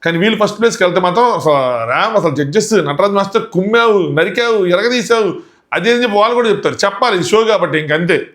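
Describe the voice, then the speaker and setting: A man delivers casual commentary on a reality show at a rapid clip. His voice sits a little high, and he keeps firing off indignant rhetorical questions as he picks apart what happened. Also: a bit bright.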